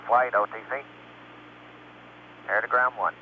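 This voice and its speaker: A man's voice: medium pitch, steady tone, a little slow. A man acting as launch test conductor, making terse procedural calls over a radio loop. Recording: narrow phone-like radio loop, faint noise.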